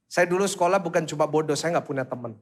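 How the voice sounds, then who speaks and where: Speaking quickly, a male pastor with a fairly high, lilting voice delivers a spirited sermon over slight background noise. He peppers the congregation with questions and briefly performs voices to illustrate his message.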